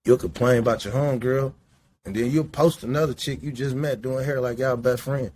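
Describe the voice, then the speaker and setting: A man's voice: mid-range voice, fairly even intonation, fairly quick, a little mellow, slight background noise. A man in his late forties from the Midwest, hosting a podcast in a loose, rambling, profane way while he smokes indoors. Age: 40s. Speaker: podcast host. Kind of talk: casual monologue. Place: indoors, smoking while talking.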